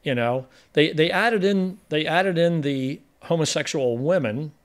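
A man's voice: on the high side, a little slow. Rambling man recapping a movie plot. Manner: rambling plot retelling with frequent restarts. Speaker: film review podcast co-host. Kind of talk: casual film review chat.

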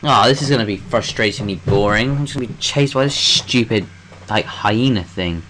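A man's voice: lowish voice, normal speed, a bit bright, slight background noise. A young man gives let's-play commentary, rambling to himself as he plays and swearing freely. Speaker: gameplay commentator.

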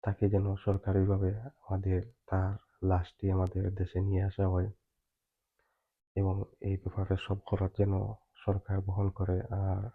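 Reaction host, male, low flat delivery, hesitant and grave, thin tinny sound. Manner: slow, grave and hesitant, with many fillers. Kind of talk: solemn reaction commentary.

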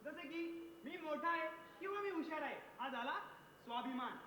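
A man's voice: very high voice, animated, normal speed, bright, forceful tone, a little hiss or hum, full character voice. A man acting on stage, playing a preachy, boastful village man in a comedy play. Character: proud middle-aged village man, boastful. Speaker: stage actor. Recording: echoey hall from a distance.

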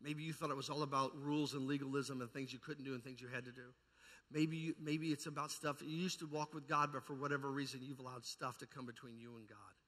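A man with a mid-range, slightly bright voice preaches fast and with fairly even intonation. As pastor, he gives a fervent, emphatic charismatic message, repeating phrases and posing rhetorical questions to the congregation. The amplified sound rings with the long reverb of a large church hall.

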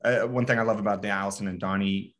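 A man's voice: on the low side, fairly even intonation, quick pace, fairly bright tone. A man talking casually on a panel as an actor, earnest, repeating words as he searches for them.

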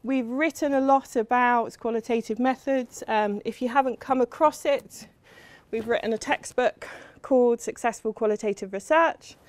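Woman lecturer from England, middle-aged, slightly high voice, chatty, lots of ums, dry close sound. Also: moderate pace, no room sound. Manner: chatty, self-deprecating, frequent ums. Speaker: university lecturer. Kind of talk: academic lecture.

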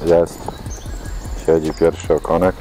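Male fishing vlogger, extremely low voice, leisurely casual commentary with music clearly behind it. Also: level tone, unhurried.

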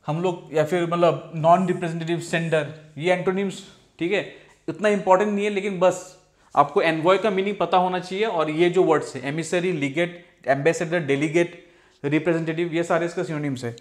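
A man with an Indian accent teaching English vocabulary, mixing Hindi with slowly drawn-out English definitions and often saying "theek hai" and "okay". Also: a little high, fairly even intonation. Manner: drawls when reading English definitions. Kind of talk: explaining vocabulary from slides.

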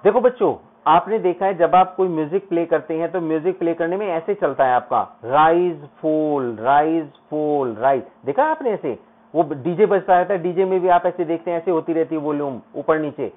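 A male teacher running a live online exam-prep class. He reads English quiz questions out slowly, explains them in Hindi, and praises students by name. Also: a little high. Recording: tinny phone-like online stream.

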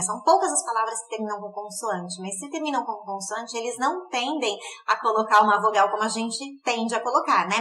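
Woman teaching italian online, kinda high voice, slows down to repeat words. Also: sharp tone, low-quality recording. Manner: explains slowly, repeats words for pronunciation. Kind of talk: online language lesson.

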